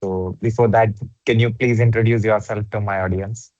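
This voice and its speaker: A man's voice: lowish voice, fairly even intonation, moderate pace, a little mellow, no echo. A man hosting a podcast, asking a guest questions politely and hesitantly over a call. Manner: polite, hesitant with many fillers. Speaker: podcast host. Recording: dull dry lo-fi call audio.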